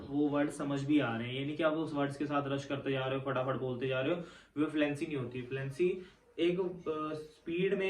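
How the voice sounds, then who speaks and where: A man's voice: a little high, recorded from a distance. A man teaching a test prep lesson, explaining step by step and checking in with his listeners as he goes. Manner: explains step by step, repeats "theek hai" to check in. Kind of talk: classroom-style lesson. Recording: echoey room, mic set back.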